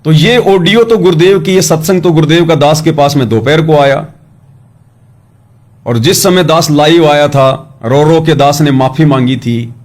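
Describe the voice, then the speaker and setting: Brief: man, slightly high voice, humble and earnest devotional speaker addressing followers. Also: normal speed, darkish tone. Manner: earnest, humble, calls himself a servant.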